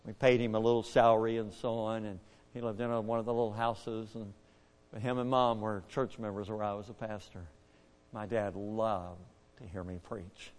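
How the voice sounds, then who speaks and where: Animated older preacher in echoey church. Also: male voice, moderate pace. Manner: animated, swings from hushed to booming. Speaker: pastor. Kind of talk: storytelling sermon.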